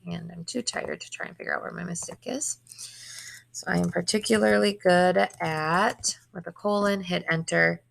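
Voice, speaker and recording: A young woman teacher walks her students through a computer task in quick, casual steps. Her voice is hoarse and heavily gravelly, sitting a little low. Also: fairly bright tone. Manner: quick, casual step-by-step instructions. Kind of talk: screen-recorded classroom tutorial.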